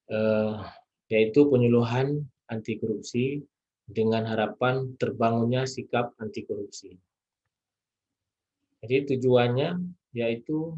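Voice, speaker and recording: A man from East Aceh gives a measured recorded lecture on anti-corruption, pausing often with filler sounds. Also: medium pitch, darkish tone, lo-fi sound. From East Aceh, Indonesia. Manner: measured, with frequent hesitation fillers.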